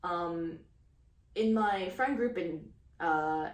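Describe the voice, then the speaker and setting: A woman's voice: lowish voice, very slow, echoey room, distant mic. A woman of thirty from Houston, chatting casually in a rambling way, full of fillers and small laughs. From Houston, Texas. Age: 30s. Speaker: crochet vlogger. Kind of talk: casual chat.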